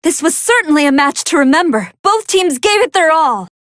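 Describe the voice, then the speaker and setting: A woman voices a polite, soft-hearted female android scientist acting as match commentator, giving formal, earnest and expressive commentary on video game fights. Her voice sits high at normal speed, sounding composed and curious. The recording is dry with clean studio sound.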